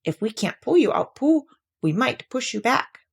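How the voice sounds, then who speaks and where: A woman's voice: a little high, big pitch swings, normal speed, gravelly, slightly rough, voice pushed up, exaggerated voice. A woman voicing a practical, stern male storybook rabbit with a fussy, matter-of-fact manner. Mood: thoughtful.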